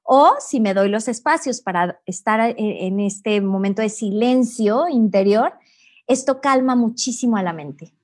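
A middle-aged woman talks calmly and warmly as an interview guest, leaning into a patient, teacherly tone. She checks in with her listener often and lets her points land slowly. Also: on the high side. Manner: calm, teacherly, with many "¿no?" tags. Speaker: guest, personal growth coach. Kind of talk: reflective interview talk.

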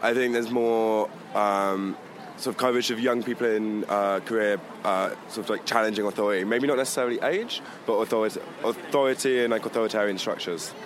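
A man's voice: lowish voice, fairly even intonation, a little fast, a little hiss or hum. A man with a British accent answering a street interview, tentative and qualifying as he thinks aloud. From United Kingdom. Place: city street outdoors.

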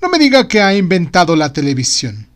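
A sardonic male bureaucrat, as a storyteller puts him on talks in a somewhat high voice. He is officious, wordy and sceptical, mocking in a storybook manner. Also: wildly swooping pitch, fairly quick. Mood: curious, teasing. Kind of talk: audio storybook.

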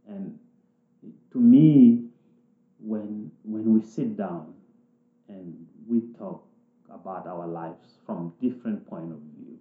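Guy from south sudan talking slow and thoughtful, kinda low voice, echoey tinny phone-ish sound. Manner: thoughtful, halting, with restarts. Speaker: interviewer. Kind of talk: reflective conversation.

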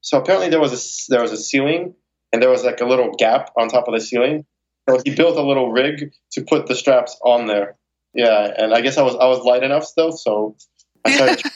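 Brisk and expressive, a young circus straps performer with a medium-pitched voice gives loose, meandering interview answers full of fillers and false starts. He was born in Moscow and grew up in Ukraine and Las Vegas. The sound quality is lo-fi.

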